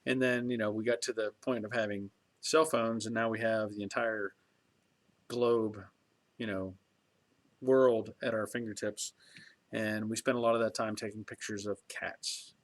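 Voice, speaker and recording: A man's voice: lowish voice, level tone, unhurried. A man in his early fifties hosting a casual livestream, chatting in a rambling, reflective way with many fillers and restarts while reading viewer comments. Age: 50s. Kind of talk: casual chat.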